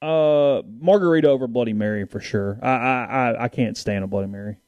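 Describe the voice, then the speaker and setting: Mellow-voiced man co-hosting, dry sound. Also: mid-range voice, fairly quick, no room sound, dull audio. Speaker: call-in show co-host. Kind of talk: casual chat.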